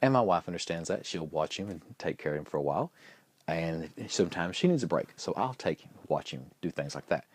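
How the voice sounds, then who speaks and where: Brief: male vlogger, very low voice, rambling and good-humored, dry close sound. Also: expressive, brisk, slightly rough, dry recording. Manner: rambling, with frequent restarts and fillers. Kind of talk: casual storytelling vlog.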